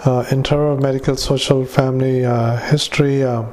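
Male clinician dictating to a recorder; very flat, halting, mid-pitched. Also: slight background noise. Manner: halting, with many filler sounds and restarts. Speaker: clinician dictating a patient report. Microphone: handheld dictaphone.

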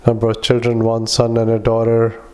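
A man doing medical dictation in halting, clipped fragments, speaking punctuation aloud as a clinician recording patient notes. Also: mid-range voice, completely flat delivery, darkish tone, clean tone. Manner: halting, fragmented clipped phrases with frequent long hesitations.

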